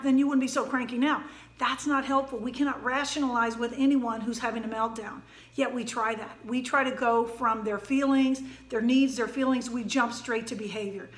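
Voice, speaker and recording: A woman parenting educator giving a calm, gentle talk with frequent fillers. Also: fairly high pitch, reverberant.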